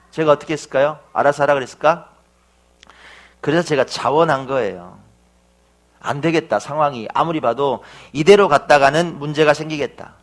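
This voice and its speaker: A middle-aged male pastor preaching a sermon, telling a story and asking his congregation rhetorical questions. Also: fairly high pitch.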